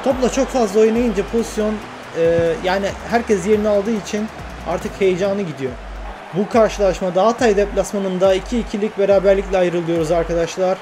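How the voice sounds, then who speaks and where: A young man narrating his football video game career, talking to himself and shouting at the play. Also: high voice, brisk. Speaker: gaming YouTuber. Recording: game music clearly under the voice.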